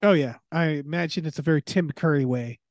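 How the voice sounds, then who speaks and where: A man's voice: a little high, a little fast, no echo. A man from Western Massachusetts, a podcast guest chatting casually with easygoing, agreeable replies. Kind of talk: casual chat.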